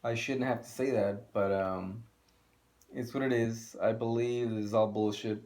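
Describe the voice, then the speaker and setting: A man's voice: fairly low pitch, fairly even intonation, normal speed, darkish tone. A man co-hosting a video channel, ranting casually and bluntly, swearing and repeating himself for emphasis. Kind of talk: casual opinion rant.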